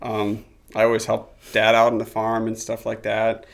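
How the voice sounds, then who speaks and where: A man's voice: on the low side, completely flat delivery, moderate pace, gravelly. Joking young man from the Midwest. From Midwestern United States. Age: 20s. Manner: joking, laughs while talking. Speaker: podcast guest. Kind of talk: casual chat.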